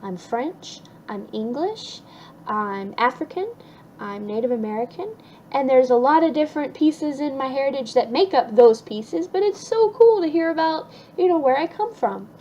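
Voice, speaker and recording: A woman's voice: high voice, animated, normal speed, mellow, muffled recording, a little hiss or hum. A young woman chatting casually through a list of her favorite things, upbeat with lots of ums and restarts. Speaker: vlogger.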